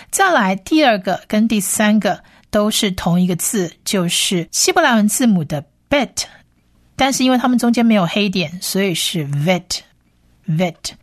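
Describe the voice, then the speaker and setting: A woman teaching a language lesson on air, patiently spelling out sounds and repeating each word slowly. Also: mid-range voice, dry recording, clean studio sound.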